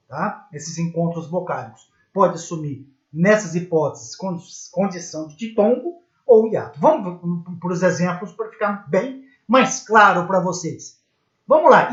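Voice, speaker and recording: Brazilian man, grammar teacher, unhurried delivery, patient and repetitive; echoey room. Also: high-pitched. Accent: Brazilian Portuguese. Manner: patient, repeats and spells out examples, checks in with "tá?". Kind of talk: recorded grammar lesson. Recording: echoey room, dull lo-fi sound.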